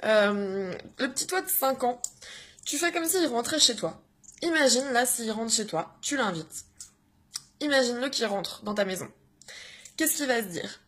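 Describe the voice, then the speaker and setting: A young woman short on sleep giving an energetic morning vlog pep talk, full of hesitations and bursts of cheering. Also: fairly high pitch, unhurried. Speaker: vlogger.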